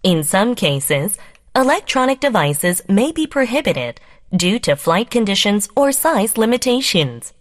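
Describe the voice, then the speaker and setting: A woman reading a scripted plane cabin safety announcement in a formal, measured way, as a flight attendant. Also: medium pitch, big pitch swings.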